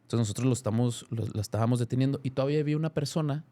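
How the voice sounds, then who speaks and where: Mexican man telling a story, mellow tone. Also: mid-range voice, rapid-fire. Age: 30s. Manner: animated, many restarts and self-corrections. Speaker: guest. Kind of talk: casual interview storytelling.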